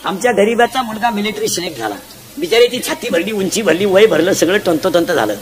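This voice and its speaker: Man, high pitch, punchy comic preacher who quizzes the audience, live outdoor stage recording with loud crowd noise. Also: lively intonation, fast. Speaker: kirtan preacher. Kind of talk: humorous devotional sermon to a live crowd.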